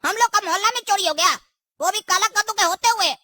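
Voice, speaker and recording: A woman's voice: fast talker, bright, forceful tone, dry recording, studio quality. A woman, playing an insulting son woken at night in a comedy sketch. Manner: shrill, insulting.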